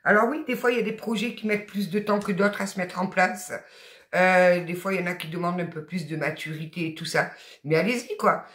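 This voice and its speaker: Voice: mid-range voice, steady tone, fairly quick, fairly bright tone, echoey room. A tarot card reader with a Southern French accent, giving a spoken guidance reading in an emphatic, colloquial and encouraging way, with blunt asides.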